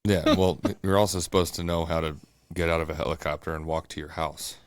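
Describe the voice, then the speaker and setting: A man's voice: extremely low pitch, steady tone, brisk, clear, resonant tone, dry recording. A man co-hosting a casual home podcast, talking bluntly and swearing often. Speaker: podcast co-host. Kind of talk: casual chat. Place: home room above a bathroom.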